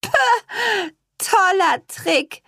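A woman voicing a cheeky, show-off little girl who talks in a shrill, snippy way. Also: big pitch swings, measured pace, fairly bright tone, exaggerated voice.

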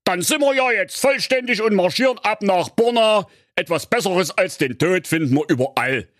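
A bossy, blustering donkey. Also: male voice, high-pitched, expressive, normal speed, a bit bright, no echo, clean studio sound. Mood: exasperated. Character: bossy, hot-tempered male donkey bandleader. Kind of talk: comedic radio play.

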